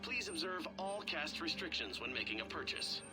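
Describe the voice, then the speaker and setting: A polished male shop announcer delivers supermarket-style announcements in a slightly raised voice. His patter is smooth and promotional, and game music plays clearly behind him. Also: a little high, sing-song, normal speed.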